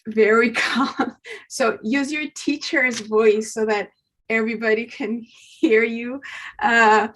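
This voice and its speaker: A woman's voice: a little high, fairly even intonation, slow, fairly bright tone. A woman puts an informal question at a conference, talking conversationally and thinking aloud as she goes. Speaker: audience member asking a question.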